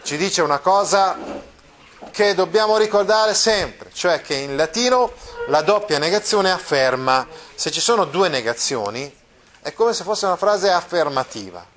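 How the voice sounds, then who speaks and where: A man's voice: high-pitched, expressive, measured pace, fairly bright tone. Man teaching Latin grammar, patient. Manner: patient, repeats declension forms aloud, checks understanding with "eh?" and "no?". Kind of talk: classroom lesson.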